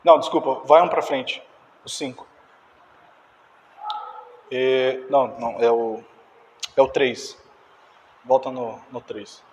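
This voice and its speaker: A man preaching a sermon in an animated way, acting out dialogue and directing the slides. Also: medium pitch, slow, pauses often, slight background noise. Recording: distant reverberant church hall.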